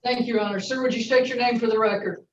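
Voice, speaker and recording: A woman prosecutor questions a witness in a brisk, formal way. She is heard in a courtroom recording, distant from the mic in an echoing room. The sound is dull, with faint noise behind her. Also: on the high side, steady tone.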